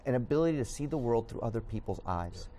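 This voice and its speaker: Appearing as a guest in a TV studio interview, a middle-aged Southern Californian news editor whose first language is Spanish speaks earnestly and fills his speech with fillers. His medium-pitched voice is expressive, fast and dark in tone, with a little hiss or hum on the audio.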